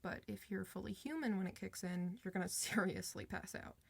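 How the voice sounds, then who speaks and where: This woman's medium-pitched voice is gravelly and husky, recorded without echo. She takes the part of a friendly werewolf doctor in an informal, one-sided ASMR roleplay, keeping things calm and soothing. Her delivery is relaxed and comforting, broken up by hesitant pauses.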